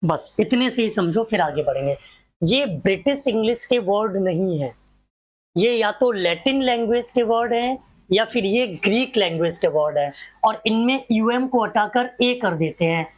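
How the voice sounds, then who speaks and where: A woman's voice: mid-range voice, expressive, moderate pace. A woman teaching a grammar class, drilling examples one by one and asking rhetorical questions that she answers herself.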